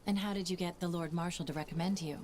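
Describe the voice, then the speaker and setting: A woman's voice: fairly low pitch, steady tone, fast talker, background noise, natural voice. A woman voicing a young woman fighter who is a curious, lightly teasing older sister, in game cutscene dialogue.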